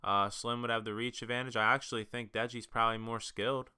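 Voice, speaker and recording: A young man talks in a relaxed vlog style, building hype at times and then rambling casually with fillers like "uh" and "um." His voice is bright and forceful, and very clean and crisp. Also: mid-range voice, fast talker. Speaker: influencer boxing commentator.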